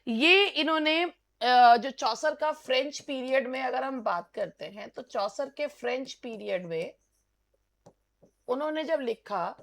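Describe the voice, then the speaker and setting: A woman teaching English literature in an exam-prep lecture, mixing Hindi and English and repeating key terms slowly. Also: high voice, creaky, fairly bright tone.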